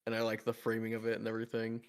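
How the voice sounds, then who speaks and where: A man's voice: fairly low pitch, monotone, very fast, clean tone. A man hosting a casual group Q&A over a call, rambling with restarts and frequent laughs. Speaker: animation studio team member hosting Q&A.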